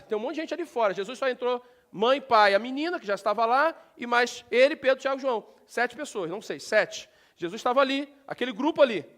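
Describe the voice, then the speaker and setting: A Brazilian male pastor with a very high-pitched voice preaches a lively sermon to his church in the sanctuary. Speaking with a Brazilian Portuguese accent, he addresses the congregation directly and animatedly, breaking into sudden loud shouts.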